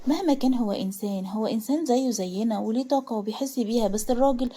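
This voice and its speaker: Fast-talking Egyptian woman storyteller. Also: a little high, dark tone. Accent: Egyptian Arabic. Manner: chatty, quick retelling with asides to listeners. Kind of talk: casual storytelling narration.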